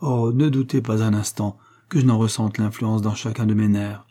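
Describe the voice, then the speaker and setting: An unctuous young preacher from a storybook reading, fervent and soft-spoken. A man reads him in a low, mellow, husky voice. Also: steady tone, moderate pace, lightly acted. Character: smooth-talking young male preacher in prison. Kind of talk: audiobook character reading.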